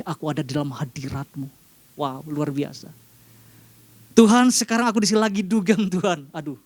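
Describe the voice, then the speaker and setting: A man with an Indonesian accent preaching a sermon to a congregation, often calling out to them and rising sharply in pitch for emphasis. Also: dry recording.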